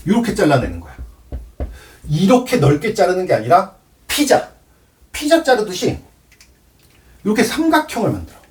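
A man's voice: high-pitched, wildly swooping pitch, moderate pace, long pauses, recorded from a distance. A man giving a cello lesson, explaining with props and counting aloud. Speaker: cello teacher. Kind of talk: demonstration lesson.

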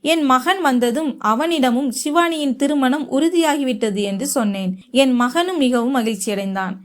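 High-pitched woman reading a story out loud, calm and even. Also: normal speed. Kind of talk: first-person story narration.

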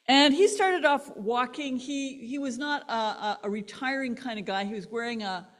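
A woman pastor, delivering a sermon as an animated story and laughing between lines. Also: mid-range voice.

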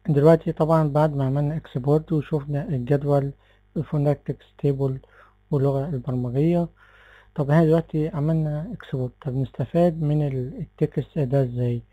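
An Egyptian man with a very dark, mellow voice talks his listeners through a computer program at an easy pace. He often stops mid-word and corrects himself as he goes. The sound is close and completely dry. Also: on the high side, no room sound, low-quality recording. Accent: Egyptian Arabic. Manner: relaxed, explanatory, with frequent fillers and self-corrections. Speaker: tech tutorial presenter. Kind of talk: screen-recorded software tutorial.

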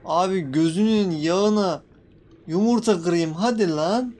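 A man's voice: high voice, unhurried. A young man giving casual, jumpy gaming commentary, nervously reacting to creatures and talking to viewers. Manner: jumpy, excitable, swearing playfully at in-game creatures. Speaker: gaming YouTuber. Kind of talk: casual Let's Play commentary.

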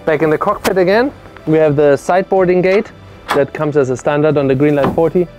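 A boat presenter in his thirties, wearing a lapel mic, gives a methodical walkthrough of a motor yacht on a lake, moving across the deck and through the cabins. He lists features in an explanatory way, speaking briskly in a higher, darkish-toned voice with faint music behind.

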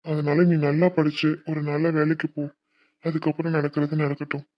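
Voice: medium pitch, monotone, moderate pace, muffled recording, lightly acted. A voice actor playing an earnest middle-aged father in a cartoon, lecturing his son about marriage and studies.

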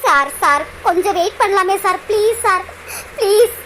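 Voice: very high-pitched, moderate pace, sharp tone, a little hiss or hum. A voice actor playing a timid young woman in love who pleads and frets in a cartoon. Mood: tearful pleading. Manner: pleading, repeatedly says sir. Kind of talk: cartoon voice acting.

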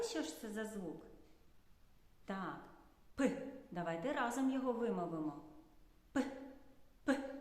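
Female teacher, Ukrainian accent, lowish voice, patient and explanatory, long reverb around her. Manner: calm, explanatory, addresses children directly. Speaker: kindergarten teacher. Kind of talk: instructional lesson narration. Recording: roomy, reverberant classroom sound.

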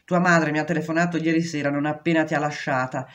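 A woman reading aloud, voicing a calm, practical lawyer who reassures her client. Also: low voice, fast, dull audio, lightly acted. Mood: reassuring. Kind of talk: audiobook reading.

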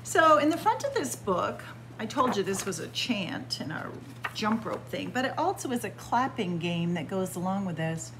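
Background noise accompanies this woman in her sixties as she reads a picture book at normal speed in a medium-pitched, sing-song voice. A children's librarian, she chants the rhymes and adds playful asides, sitting near a webcam in a library with bookshelves.

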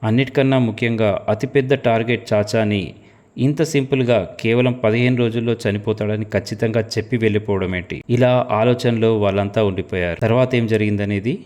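A man with a fairly low voice narrating a scripted suspense story. He reads steadily, with a dramatic storyteller's touch. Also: steady tone, brisk, darkish tone.

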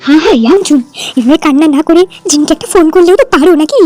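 A woman voicing a calm, fussy, henpecked middle-aged father in a storybook tale. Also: very high-pitched, very fast, faint music behind. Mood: fussing. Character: soft-spoken middle-aged husband and father.

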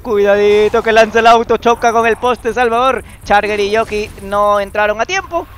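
A man casting a live esports match, with excitable sing-song play-by-play. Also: high-pitched, normal speed, a little hiss or hum. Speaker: esports caster.

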